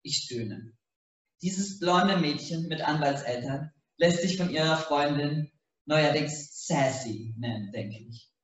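A man reading a first-person story aloud in a dry, even way. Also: fairly high pitch, slow, far from the mic. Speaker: audiobook reader. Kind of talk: first-person audiobook narration. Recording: very echoey room.

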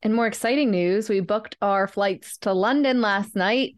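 A woman's voice: medium pitch, unhurried. A young woman co-hosting a podcast in casual chat, upbeat and talkative, laughing often. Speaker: podcast co-host.

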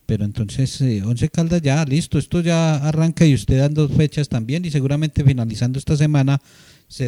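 A man co-hosting a sports radio show, talking in a measured way with many "eh" fillers. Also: mid-range voice, mellow, no echo, studio quality. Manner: measured, fills pauses with "eh".

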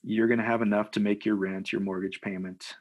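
Husky-voiced preaching man. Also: on the low side, brisk. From Iowa, USA. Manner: energetic, preacherly, repeats phrases for emphasis. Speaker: pastor. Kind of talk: podcast interview, leading a prayer.

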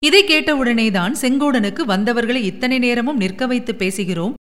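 A woman narrating a story aloud in a steady, measured way. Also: on the high side. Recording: long echoing reverb.

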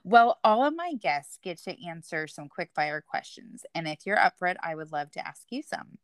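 A woman's voice: on the low side, very animated, moderate pace, dry recording. A woman with an American accent hosting a conversational interview in an encouraging, affirming way. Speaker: podcast host.

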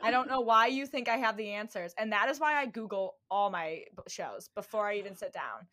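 A young woman hosting a podcast, chatting casually and telling lively stories with acted-out quotes. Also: mid-range voice, a little fast. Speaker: podcast host. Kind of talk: casual chat.

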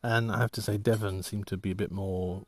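Brief: low-pitched man, relaxed vlog chatter, halting and rambling, trails off mid-thought. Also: dry recording. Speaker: walking vlogger and artist. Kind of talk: casual rambling monologue.

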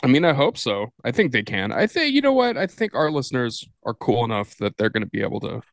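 A man's voice: medium pitch, wildly swooping pitch, quick pace, no room sound, studio quality. A man co-hosting a casual podcast chat, cracking blunt, profane jokes. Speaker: podcast co-host.

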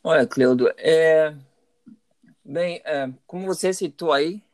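A man's voice: on the high side, slow, darkish tone, no echo. A middle-aged man from Salvador, telling stories as an interview guest, hesitant and full of repeated words. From Salvador, Bahia, Brazil. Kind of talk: casual conversational interview.

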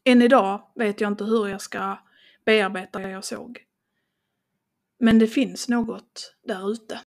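A woman reading a first-person horror story in slow, dramatic tones, dropping to a hush at tense moments. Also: medium pitch, fairly even intonation. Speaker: podcast host and storyteller.

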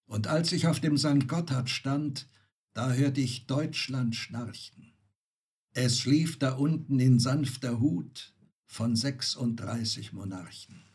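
A man voicing a weary, mocking knight back from his travels, recited slowly and dryly as poetry. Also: medium pitch, husky. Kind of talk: poetry reading.

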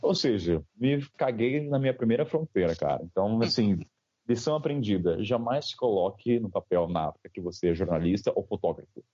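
A young man from Brazil telling a story in a casual, slangy, animated way, acting out the dialogue. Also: fairly low pitch, brisk, husky, no echo. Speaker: podcast guest. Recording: slightly dull lo-fi sound.

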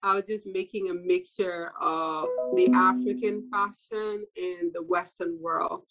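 A young woman from Ethiopia, a fashion designer, giving a relaxed interview with frequent soft laughs and filler words. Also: fairly low pitch, unhurried, soft background music, low-quality recording. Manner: soft-spoken, laughs often, many fillers. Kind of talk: casual interview answers.

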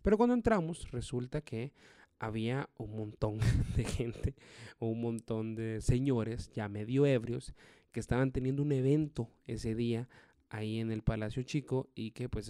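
Comedian guy swearing his way through a story, dark mellow voice, dry close sound. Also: mid-range voice, moderate pace, clean tone, no echo. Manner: profane, animated storytelling. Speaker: stand-up comedian. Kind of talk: storytelling monologue.

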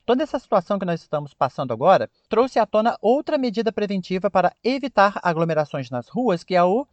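High-voiced Brazilian podcast teacher. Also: male voice, no room sound. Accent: Brazilian Portuguese. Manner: didactic, repeats words slowly for emphasis. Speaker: podcast host and English teacher. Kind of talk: podcast lesson on English pronunciation.

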